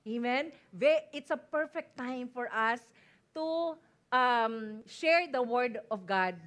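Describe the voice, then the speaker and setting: High-voiced Filipino woman pastor preaching. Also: a bit bright. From Philippines. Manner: emphatic, often calls out "Amen?" to the congregation. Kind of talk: sermon mixing Tagalog and English. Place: church service before a congregation.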